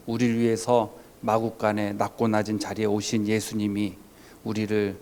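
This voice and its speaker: A man preaching an early-morning sermon as pastor, moving from impassioned, near-shouted passages to hushed, low ones and asking rhetorical questions. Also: completely flat delivery, normal speed.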